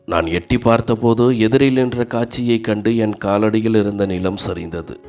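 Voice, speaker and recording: A male storyteller reads a scripted first-person family drama in an earnest, dramatic way. His voice sits very low and has a rough, creaky grain.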